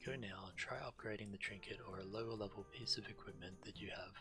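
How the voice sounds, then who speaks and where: This streamer's fairly low, steady voice moves a little fast as he reads quest text aloud and remarks on the game with understated, matter-of-fact calm. Faint video game music runs underneath.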